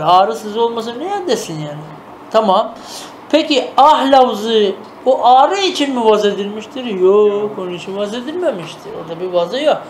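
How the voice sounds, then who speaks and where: A man teaching a traditional madrasa-style lesson. He reads classical Arabic phrases, then explains them patiently with quick rhetorical questions and often checks that his students follow. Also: very high-pitched, a little hiss or hum.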